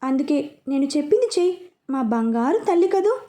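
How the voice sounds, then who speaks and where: Soft coaxing young mom, read by a woman, high mellow voice. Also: big pitch swings, brisk. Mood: tender. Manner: soothing, coaxing. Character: worried loving young mother.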